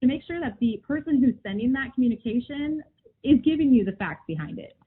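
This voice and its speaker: Husky woman hosting a podcast, sounds like she's on a phone line, a bit high, upbeat. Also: lively intonation, a little fast. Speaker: podcast host. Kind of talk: casual conversational podcast.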